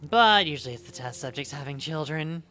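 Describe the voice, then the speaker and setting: A woman streamer with a low-sitting, expressive voice talks briskly in a pushed, bright tone while gaming live. Her slight Southern US accent comes through as she rambles to chat, swears freely and laughs easily.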